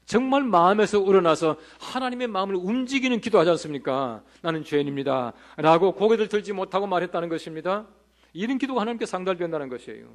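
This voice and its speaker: In a church, a male pastor with a high-sitting, expressive voice preaches a revival sermon at a fast pace. He tells funny anecdotes and poses rhetorical questions to the congregation.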